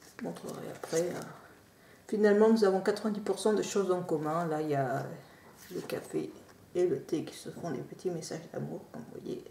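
A woman chatting casually through an unboxing, drifting into soft quiet asides. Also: fairly low pitch, steady tone, a little fast, gravelly. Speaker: unboxing vlogger. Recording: roomy echo, faint noise.

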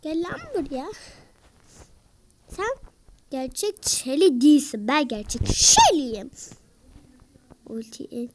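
A young girl with a stuffy nose from a cold, giving excitable commentary while playing a game, often shouting and groaning. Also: sits high, slow pace, long pauses, slight background noise. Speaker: YouTuber. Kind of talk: gameplay commentary.

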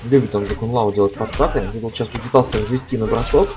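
A man's voice: lowish voice, quick pace. A man giving live commentary on a fighting game stream, as a stream commentator. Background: game music and sound.

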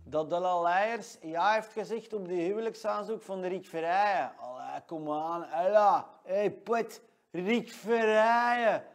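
An actor voices a cocky 22-year-old shop salesman with a Leuven Flemish accent, boasting and referring to himself in the third person in a comedy monologue. The man's voice sits high and moves at a measured pace over soft background music. It plays as a comic character's weekly rundown.

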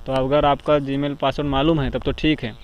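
A man's voice: mid-range voice, little pitch movement, normal speed. A man hosting a phone tutorial, explaining each step steadily and checking in with "theek hai" as he goes. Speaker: tech tutorial host. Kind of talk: screen-recorded phone tutorial. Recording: dull lo-fi voice-over with faint noise.

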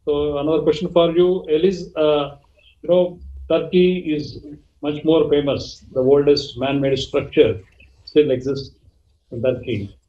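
A man's voice: fairly high pitch, fairly even intonation, dark tone. Man on a choppy, breaking-up video call. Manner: halting, fragmented phrasing. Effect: video call connection breaking up, choppy audio. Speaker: interviewer. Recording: dull lo-fi video call audio.

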